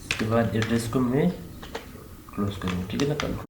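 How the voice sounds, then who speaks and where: A man's voice: medium pitch, expressive, fairly quick. A man with a Pakistani Urdu accent teaching a screen-recorded coding lesson, explaining steadily and often adding a "theek hai na" check. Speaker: programming tutor. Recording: echoey room with faint hiss. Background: keyboard typing and mouse clicks.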